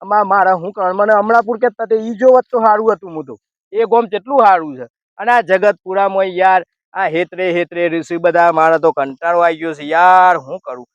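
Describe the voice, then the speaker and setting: Weary complaining older man, high voice. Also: brisk, dry recording. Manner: weary, complaining, rustic dialect. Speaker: lost invitation carrier. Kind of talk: rustic village comedy sketch. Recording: dull lo-fi dry sound.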